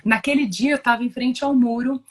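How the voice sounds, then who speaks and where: Her voice fairly high and brisk, this guest offers a heartfelt religious testimony with a Brazilian Portuguese accent. She talks conversationally and emotionally, frequently starting over and repeating herself.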